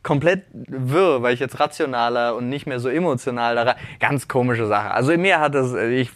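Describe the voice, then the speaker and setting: A man in his thirties with a mid-range voice hosts a podcast, chatting casually at normal speed. He rambles reflectively and often corrects himself mid-sentence. The recording is dry.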